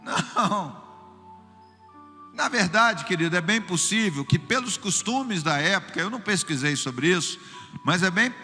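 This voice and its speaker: A man's voice: high voice, a little slow, long reverb tail, soft background music. A man preaching a sermon with a Brazilian accent. As a pastor he tells humorous stories and keeps turning to the congregation as brother. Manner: lively, humorous storytelling, often addressing listeners as brother.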